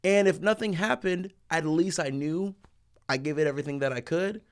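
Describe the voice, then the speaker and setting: A man in his thirties, a guest in a casual interview, telling stories in an animated way and acting out what people said. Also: fairly high pitch, moderate pace. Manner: animated, acts out quoted people.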